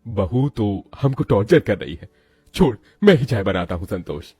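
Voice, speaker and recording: A man's voice: fairly low pitch, very animated, moderate pace, a little mellow, husky, no room sound, soft background music, exaggerated voice. A man playing a tired old father-in-law. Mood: weary. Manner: weary, resigned.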